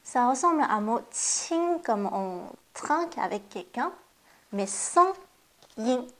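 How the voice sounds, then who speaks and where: A woman teaches a language lesson at an unhurried pace. Her voice sits a little high, and she sounds out each word deliberately before explaining it. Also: expressive. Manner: slow, careful modeling of pronunciation. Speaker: Chinese teacher. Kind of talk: classroom lesson.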